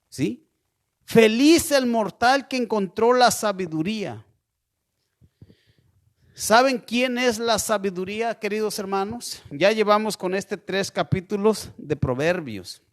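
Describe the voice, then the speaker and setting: A man preaching a sermon slowly and deliberately, often checking in with listeners with a questioning "¿sí?" and asking them to send in messages. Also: sits high. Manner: slow, deliberate preaching with frequent rhetorical "¿sí?".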